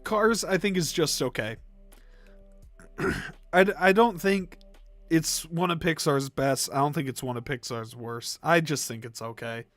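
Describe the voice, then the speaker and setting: A man's voice: fairly high pitch, measured pace, a bit bright, dry recording, soft background music. Rambling young man with a cough. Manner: rambling, conversational, with fillers. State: coughing, throat irritated. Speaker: live stream host. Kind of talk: casual chat ranking movies.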